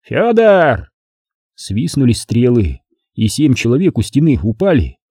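Husky, expressive male audiobook narrator. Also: medium pitch, moderate pace, dry recording, clean studio sound. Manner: expressive storytelling. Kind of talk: scripted narration.

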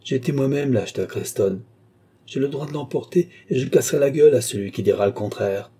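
A man's voice: mid-range voice, fast talker, mellow, slightly rough, pitched above the performer's own voice. Man doing a grumbling drunk brawler. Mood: belligerent. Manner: grumbling, threatening. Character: drunk, belligerent man claiming his stove.

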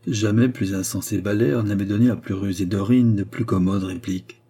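A man narrating a classic novel as an audiobook, with measured, expressive storytelling. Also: on the low side, husky.

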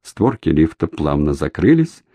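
A man narrating an audiobook in a steady, dramatic reading. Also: very deep voice, unhurried, no echo. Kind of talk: scripted narration.

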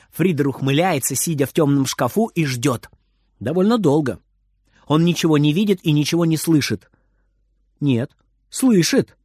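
A man reading a children's storybook aloud in a lively, expressive way. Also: a little high, no echo, studio quality. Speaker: narrator.

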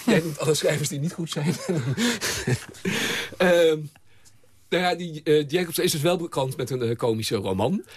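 Husky guy reviewing a book on the radio, lots of ums, dry close mic. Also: on the high side, moderate pace, pauses often, no echo. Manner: hesitant, many filler sounds. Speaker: book critic. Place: radio studio.

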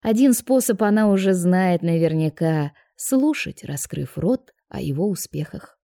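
A woman narrating an audiobook in a measured storytelling manner. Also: fairly low pitch, animated, creaky, dark tone, no echo, clean studio sound. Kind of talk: scripted narration.

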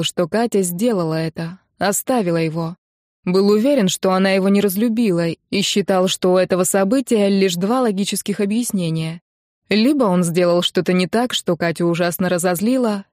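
A woman narrating a romance audiobook in an even, steady storytelling voice. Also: mid-range voice, normal speed, dry recording, clean studio sound.

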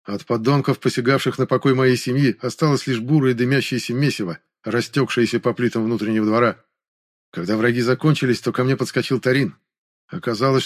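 Male audiobook narrator, rapid first-person fantasy read, medium pitch.

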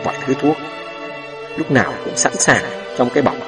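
A man reads a novel aloud in an unhurried, measured audiobook voice. He sounds a little distant from the mic, with music running underneath the whole time. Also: mid-range voice, creaky. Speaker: narrator. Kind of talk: audiobook narration.

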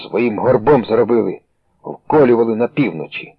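A man's voice: lively intonation, normal speed, creaky, husky, no room sound. A man doing a greedy, hysterical crook. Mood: pleading. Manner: grumbling, shrill, pleading. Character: greedy, cowardly young male crook, hysterical. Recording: dry, tinny phone-like sound.

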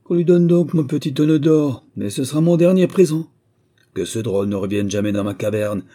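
A man voicing a threatening male wind spirit in a storybook reading, shouting commands. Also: fairly low pitch, monotone, fast, close to an everyday voice. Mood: scornful.

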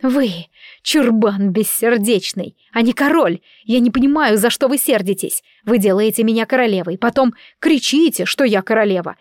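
A passionate young queen from an audiobook, as a woman reads her lines. She speaks with strong feeling in a somewhat high voice, dry and close to the mic. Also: animated, moderate pace, a little mellow, dry recording, natural voice. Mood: indignant. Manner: emotional, impassioned. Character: young queen, proud and quick-tempered.

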